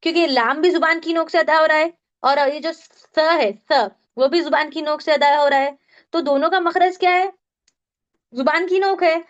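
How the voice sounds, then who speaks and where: A woman's voice: high voice, steady tone, moderate pace, highs cut off. A woman teaching a Quran recitation class online, explaining rules patiently step by step and quizzing her students. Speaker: tajweed teacher.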